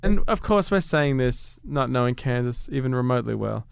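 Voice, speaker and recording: A man's voice: medium pitch, expressive, moderate pace, vocal fry, clean tone, dry recording. A man with an Australian accent co-hosting a podcast, with dry, laid-back banter in casual chat. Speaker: podcast co-host.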